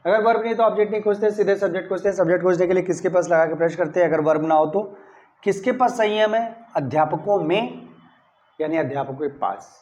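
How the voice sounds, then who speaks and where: The clip, somewhat dull and lo-fi in quality, features a fast-talking English grammar teacher whose high voice has a slightly mellow quality. He runs his classroom lesson in careful steps, asks "clear?" again and again, and puts weight on key words in his model sentences.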